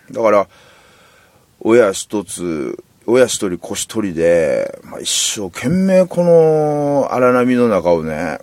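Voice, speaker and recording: Kansai man, podcast host; low and animated, candid, wandering monologue. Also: no room sound. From Kansai, Japan. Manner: rambling, candid, self-deprecating. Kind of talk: casual solo podcast monologue.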